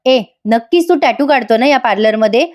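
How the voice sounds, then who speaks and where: A woman doing a loud, bossy aunt. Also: on the high side, animated, a little fast, close to an everyday voice. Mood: blunt. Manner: shouting, blunt.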